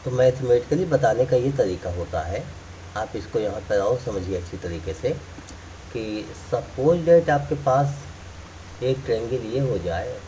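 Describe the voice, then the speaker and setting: A man's voice: medium pitch, lively intonation, unhurried, dark tone, distant mic, a little hiss or hum. A man teaching math, explaining step by step while drawing and repeating key points. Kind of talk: classroom explanation.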